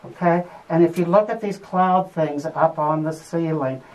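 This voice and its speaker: A woman's voice: deep voice, measured pace, darkish tone. A woman working as a cave tour guide, talking informally and jokingly to a group, picked up on a visitor's camera inside a cave. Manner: folksy, joking. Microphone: visitor's camera at some distance. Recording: noisy on-location camera audio.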